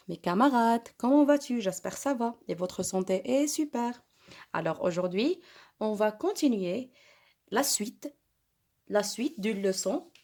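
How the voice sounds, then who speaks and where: A woman with an Arabic accent teaching French to young primary pupils, switching between Arabic and French and repeating each point slowly. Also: mid-range voice, darkish tone. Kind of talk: online lesson for children.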